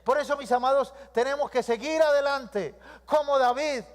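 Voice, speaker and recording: A pastor with an extremely high voice preaches a sermon at a moderate pace in a church hall, leading the congregation in call-and-response and piling up repeated lists. The hall's long reverb fills the recording.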